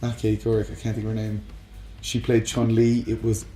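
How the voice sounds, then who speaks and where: A man co-hosts a casual podcast, trading opinions about games and films in an informal way. His voice is fairly low, monotone, mellow and a little fast. The recording has a roomy echo with music playing underneath.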